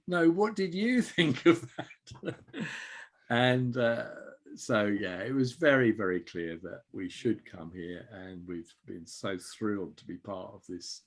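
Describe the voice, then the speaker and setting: Older man, low husky voice. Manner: reflective, chuckles while telling anecdotes. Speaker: interview guest. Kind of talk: conversational storytelling.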